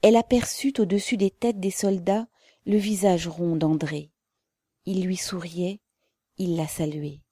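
A woman narrating a novel aloud in a measured, solemn reading. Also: on the low side, steady tone, mellow, dry recording, clean studio sound. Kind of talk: audiobook narration.

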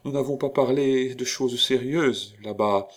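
A man's voice: medium pitch, measured pace, voice pushed up, close to an everyday voice. A man voicing a scheming young noblewoman who feigns distress, breathless and theatrical. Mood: pleading.

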